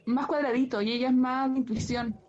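A woman co-hosting a podcast, chatting casually about a book with playful, quick interjections. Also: high voice, steady tone, darkish tone. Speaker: podcast co-host. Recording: muffled lo-fi.

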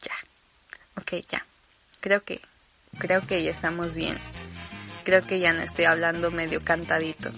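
Young woman, Mexican Spanish accent, casual podcast chat, rambling and playful, bright tone. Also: lowish voice, level tone, unhurried, creaky, long pauses, faint music behind. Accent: Mexican Spanish, Campeche. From Campeche, Mexico. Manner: chatty, rambling, laughs easily, playful asides. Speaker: podcast host.

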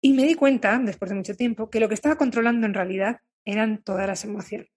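A woman with a Spanish accent from Spain, a therapist calmly telling viewers her own story in a candid, confiding monologue. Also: mid-range voice, fast talker, breathy edge. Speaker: therapist who treats eating issues. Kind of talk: personal reflective monologue to viewers.

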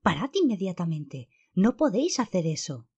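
A woman voicing an indignant young boy who shouts in protest. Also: lowish voice, sing-song, normal speed, slightly rough, highs cut off, exaggerated voice.

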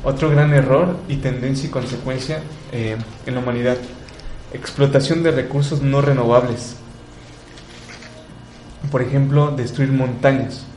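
A man's voice: mid-range voice, fairly even intonation, moderate pace, a little mellow, echoey room, slight background noise, rough recording. A man giving earnest commentary, asking rhetorical questions and repeating words for emphasis. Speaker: radio host. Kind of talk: reflective commentary on environmental issues.

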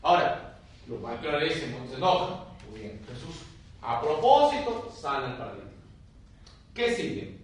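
A man, a friar, teaching a theology class, reading scripture aloud and explaining it in a lively, conversational way while he questions his students. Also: mid-range voice, moderate pace. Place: lecture room. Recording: very echoey room, far from mic, faint hiss.

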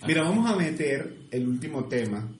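A young man co-hosting a podcast, joking and swearing casually in quick bursts. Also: mid-range voice, sing-song. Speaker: podcast co-host. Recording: echoey room with faint noise.

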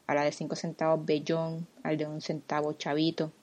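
A woman's voice: low voice, completely flat delivery, normal speed, darkish tone. A woman from Puerto Rico with a Puerto Rican accent, explaining everyday words with examples in a casual, friendly talk. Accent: Puerto Rican Spanish. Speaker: language blogger guest.

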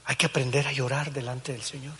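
Impassioned preacher in an echoey church. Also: male voice, medium pitch, level tone, fairly quick, husky. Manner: dramatic, acts out Bible scenes, swings from hushed to shouting. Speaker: pastor. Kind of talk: sermon. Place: large church hall.

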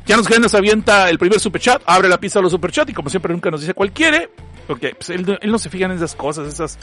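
A man's voice: high-pitched, animated, fast, pushed and bright, soft background music. A man from Mexicali with a northern Mexican accent, hosting a livestream and reading out chat messages in a joking, slangy way that is full of laughs. He has a cough. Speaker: livestream host.

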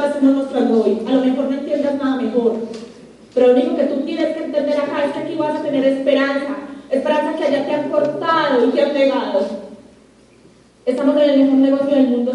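High-voiced woman giving a motivational speech. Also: fairly quick, a little mellow. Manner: emphatic, poses rhetorical questions to the audience. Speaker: speaker at a business opportunity meeting. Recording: roomy echoing hall, voice from far off.

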